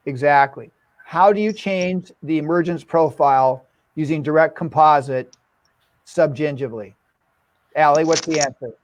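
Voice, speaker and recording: A man's voice: a little high, normal speed. A man giving an enthusiastic online dental lecture, quizzing his audience with repeated questions.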